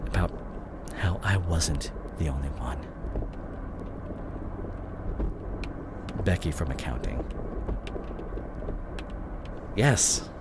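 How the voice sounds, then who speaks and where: Clear vehicle noise runs under this monologue, where a man voices a disgraced, guilt-stricken CEO boyfriend talking to the listener as his partner. His voice is extremely low with lively intonation, uneasy as he explains, and he stumbles emotionally, repeating and cutting off words.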